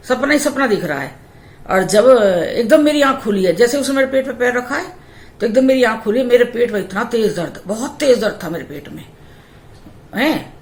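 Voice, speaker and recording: A woman vlogger telling her birth story in a lively, repetitive way. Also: on the high side. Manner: animated storytelling with many repetitions. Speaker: mom vlogger. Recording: echoey room with faint ambient noise.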